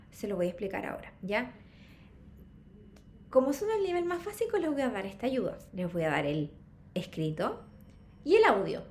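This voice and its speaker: A woman's voice: high-pitched, slight background noise. A woman teaching an English class, checking in constantly with her students. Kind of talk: online class lecture.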